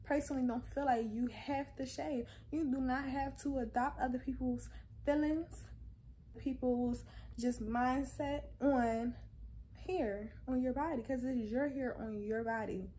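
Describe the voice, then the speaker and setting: Woman vlogger, relaxed higher voice, casual but insistent, repeats key phrases for emphasis, some background noise. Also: a little slow, poor audio. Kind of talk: casual opinion monologue to camera.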